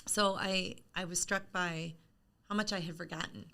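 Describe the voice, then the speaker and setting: A woman's voice: lowish voice, steady tone, moderate pace, vocal fry, sharp tone. A middle-aged woman talking about her work as an author in a casual live-stream interview, frank and chatty, with self-deprecating humor.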